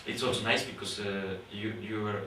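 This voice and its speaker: A young Guatemalan PhD student in astronomy explains his research in an interview, speaking thoughtful but halting second-language English with lots of fillers, pauses, and restarts. His voice is on the low side, steady in tone, yet pushed and bright. He's recorded from a distance in a roomy space with faint background noise.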